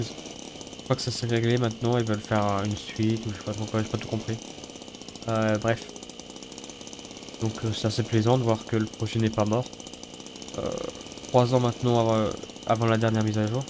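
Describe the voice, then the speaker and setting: Man, stuffed-up nose from a cold, casual game commentary, colloquial and sweary, clearly noisy engine and mechanical clatter behind. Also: medium pitch. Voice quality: stuffy, congested nose with sniffling. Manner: colloquial, sweary, mock-grumbling. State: has a head cold. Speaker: gaming video host. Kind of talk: casual let's-play commentary. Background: game car engine and mechanical clatter.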